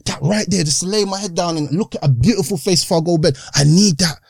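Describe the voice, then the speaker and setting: A man with a London roadman accent in an animated conversational debate, speaking emphatically in street slang and repeating phrases to insist. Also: sits high, fast, gravelly, no room sound. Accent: London roadman, Multicultural London English.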